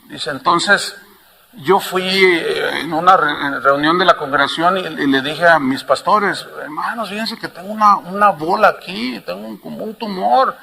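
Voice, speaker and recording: A man preaching a sermon to his congregation, impassioned and swinging from hushed tones to loud emphasis. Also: high-pitched, normal speed, creaky. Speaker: pastor.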